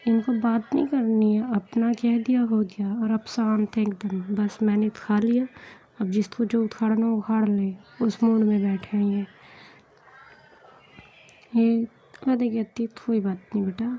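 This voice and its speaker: A woman narrating a romantic story in a soft, whispered role-play, voicing every character herself. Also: mid-range voice, breathy edge, lo-fi sound.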